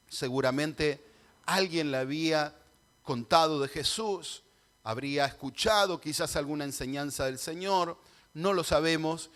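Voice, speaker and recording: A man with an Argentine Spanish accent preaching an expository sermon, swinging from loud cries to hushed, earnest tones. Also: fairly high pitch. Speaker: pastor. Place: church hall.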